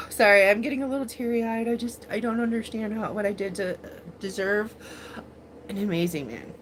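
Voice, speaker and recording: A woman's voice: medium pitch, moderate pace, a little hiss or hum. Rambling woman in her forties, livestream chat. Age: 40s. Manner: rambling, filler-heavy, emotional, laughs often. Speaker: livestream host.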